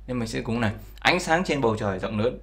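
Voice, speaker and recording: In a screen-share language lesson, a man teaches English over a screen recording, explaining words with many fillers and checking in with viewers. His mid-range voice is expressive and a bit bright, his pace quick, with slight background noise.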